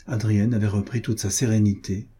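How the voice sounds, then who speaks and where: Dark husky male audiobook narrator. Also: lowish voice, level tone, a little fast. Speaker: audiobook reader. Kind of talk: scripted narration of a novel.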